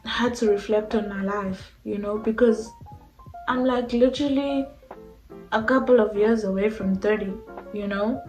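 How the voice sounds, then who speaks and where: A woman's voice: medium pitch, echoey room, low-quality recording. A woman in her twenties from South Africa, talking casually and rambling to her vlog audience with lots of fillers. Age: 20s. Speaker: vlogger. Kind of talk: casual talk to camera.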